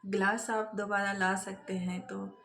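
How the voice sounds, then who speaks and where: Brief: woman playing an anxious naive wife, slow questioning, echoey room. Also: medium pitch, flat delivery, creaky, a bit bright. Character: worried, naive wife and mother. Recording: roomy echo.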